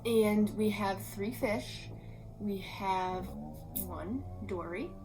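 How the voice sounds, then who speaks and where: A woman chatting casually with her fiancée in a home vlog, laid-back and unhurried. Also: mid-range voice, music in the background, rough recording. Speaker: vlogger. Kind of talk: casual chat. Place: home room.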